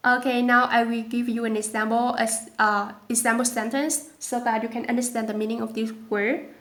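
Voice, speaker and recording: A woman with a Vietnamese accent teaching a pronunciation lesson, slow and careful, repeating each sound aloud. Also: on the high side, little pitch movement, fairly bright tone, reverberant. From southern Vietnam. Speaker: language teacher.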